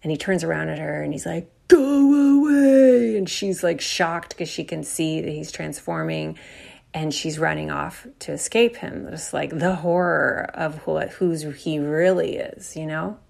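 A woman's voice: low-pitched, fairly even intonation, moderate pace, gravelly. A woman hosting a podcast, talking through a casual reflective monologue in a rambling way, full of fillers and calling her listeners y'all. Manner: chatty, addresses listeners as y'all. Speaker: podcast host.

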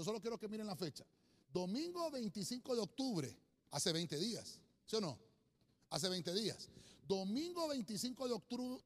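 A man preaching a sermon with slides, animated and rambling, repeatedly calling listeners brother. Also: high-pitched, long reverb tail.

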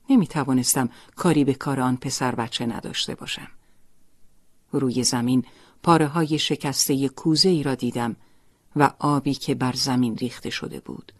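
Soft breathy woman narrating a story. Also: very deep voice, no echo, studio quality. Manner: soft, dropping often into a breathy near-whisper. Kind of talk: scripted first-person storytelling.

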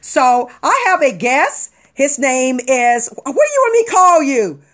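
High voice lady host, casual chat, gets loud and excited. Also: unhurried. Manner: animated, exclaims loudly when excited. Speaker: podcast host.

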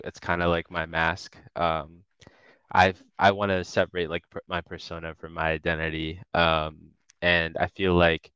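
Here a young rapper from the D.C. area talks easygoingly as a podcast guest, with frequent laughs and filler words. His low-pitched voice is clear and resonant with a fairly bright tone, captured in a dry recording with dull audio.

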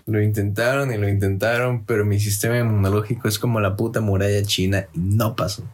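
A man's voice: fairly low pitch, fairly even intonation, brisk, darkish tone. A young man with a Mexican accent, co-hosting a podcast in casual, joking chat full of slang. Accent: Mexican Spanish. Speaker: podcast co-host.

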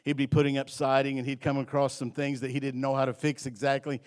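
Animated middle-aged man preaching a sermon. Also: medium pitch, fast talker. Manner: lively preaching, swings between loud and soft, repeats words. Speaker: pastor. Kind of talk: evening sermon. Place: church sanctuary.

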